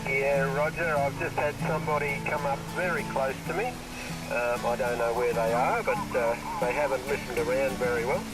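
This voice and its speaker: A man's voice: medium pitch, fairly even intonation, loud music behind the voice, poor audio. Man on a ham radio receiver. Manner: brisk, clipped radio phrasing ending with "over". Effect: heard through a ham radio receiver. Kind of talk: radio contest procedure with call signs.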